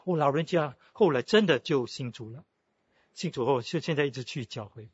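A man's voice: mid-range voice, normal speed, breathy edge, no echo, muffled recording. A man preaching a sermon, telling a story with frequent exclamations. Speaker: pastor.

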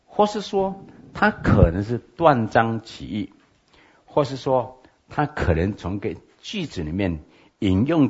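A man teaching a lecture on logical fallacies as a pastor, with a very deep and husky voice. He keeps checking in with his listeners for agreement. The recording sounds dull and lo-fi. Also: a little mellow. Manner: asks listeners for assent with frequent OK.

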